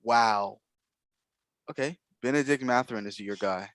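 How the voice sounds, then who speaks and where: A man's voice: medium pitch, unhurried, fairly bright tone, no room sound. Casual male co-host, analytical and hedging, dry close sound. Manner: analytical, hedging with many fillers. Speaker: podcast co-host. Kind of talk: casual basketball draft chat.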